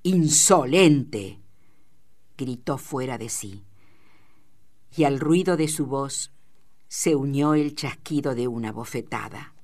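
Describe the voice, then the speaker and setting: A woman reading a novel aloud in measured, deliberate narration. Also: a bass voice, warm tone. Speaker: audiobook reader. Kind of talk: scripted literary narration.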